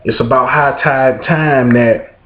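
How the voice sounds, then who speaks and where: A man's voice: mid-range voice, steady tone, takes it slowly. A man ranting into his camera, rambling and swearing constantly while checking in with his listeners. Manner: rambling, swears constantly, keeps asking "you know what I'm saying". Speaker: vlogger. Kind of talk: profane ranting monologue. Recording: roomy, dull lo-fi room sound.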